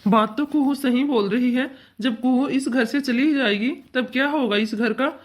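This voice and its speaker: A woman doing a dutiful cartoon son, earnest and coaxing, with a high voice. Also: normal speed. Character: caring young man, dutiful son. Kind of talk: cartoon dubbing.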